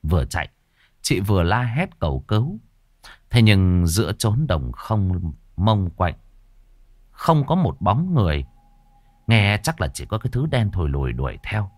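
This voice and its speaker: A man telling a horror story, his low voice rising and falling with lively intonation. The delivery is measured and dramatic, recorded dry and close to the mic. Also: no echo.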